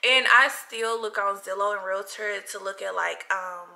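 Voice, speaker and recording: A woman's voice: medium pitch, moderate pace, gravelly, sharp tone. A 30-year-old woman vlogging casually from her couch, talking with lots of "like" and "y'all". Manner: chatty, frequent "like" and "y'all" fillers. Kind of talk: casual chat to camera. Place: bright living room, seated on a couch. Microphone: camera in front of her.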